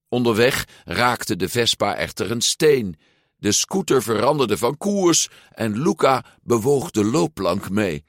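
A man reading a storybook aloud as narrator, expressive and unhurried. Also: on the low side, no room sound, clean studio sound.

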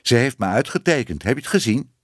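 A man's voice: mid-range voice, very animated, fast, no echo, studio quality. A man voicing a wary stray mother cat who speaks bluntly about a fussy man.

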